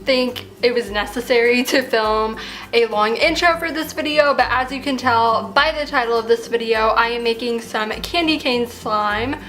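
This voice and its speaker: A woman's voice: on the high side, normal speed, fairly bright tone. An eighteen-year-old woman talking with braces and a slight lisp, chatting casually as she hosts a craft tutorial. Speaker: host of a slime craft channel.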